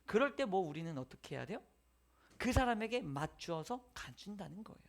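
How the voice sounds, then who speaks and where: A man's voice: high-pitched, brisk, gravelly. A man preaching a sermon as pastor, telling stories with acted voices and dropping to whispers. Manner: lively storytelling, acting out voices, shifting from loud to whispered.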